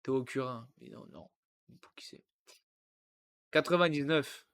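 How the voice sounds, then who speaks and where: This man, past twenty-five and from France's Yonne region, hosts a laid-back football livestream. His voice is medium-pitched, bright and clean, with a measured pace. While reading aloud he cuts off his own sentences and tosses in jokey asides.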